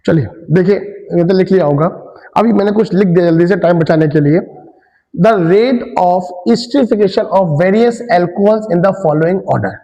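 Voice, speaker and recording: Guy teaching chemistry class, high voice, asks questions then answers himself, echoey hall. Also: measured pace, warm tone, muffled recording. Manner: mixes Hindi with English terms. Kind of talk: classroom lecture.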